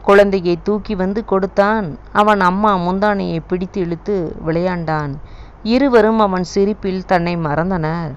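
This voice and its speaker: A woman narrating an audio novel in a steady storytelling manner. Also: medium pitch, normal speed, clean tone, lo-fi sound.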